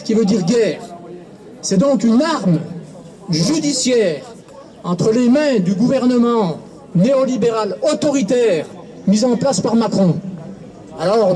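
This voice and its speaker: A man with a very high, mellow voice gives a formal, oratorical speech at an outdoor protest rally. A faint crowd murmurs behind him. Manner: oratorical, formal, quoting writers. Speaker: protest speaker.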